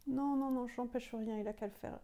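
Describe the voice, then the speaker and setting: A woman speaks from trance as a hypnosis subject, her voice set a little high. She answers curtly and stubbornly, pushing back against each question. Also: steady tone, fairly quick, mellow. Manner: reluctant, defiant, short replies.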